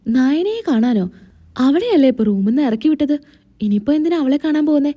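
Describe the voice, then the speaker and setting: A woman's voice: high voice, expressive, a little fast, dark tone. A woman voicing a scheming, jealous young woman who grumbles sulkily. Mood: grumbling. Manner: sulky, grumbling.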